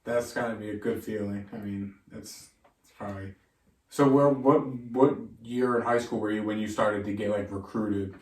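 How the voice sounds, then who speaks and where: A man's voice: on the low side, fairly even intonation, moderate pace, darkish tone. A man co-hosting a podcast in casual chat who affirms the guest and asks follow-up questions. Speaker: podcast co-host. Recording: roomy echo, mic at a distance.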